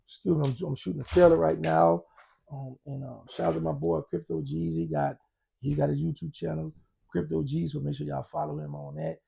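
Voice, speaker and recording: A man's voice: on the high side, little pitch movement, brisk, dark tone. A middle-aged man talking casually as a podcast guest, using street slang and telling things with emphasis. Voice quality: gravelly, husky. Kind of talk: casual interview talk.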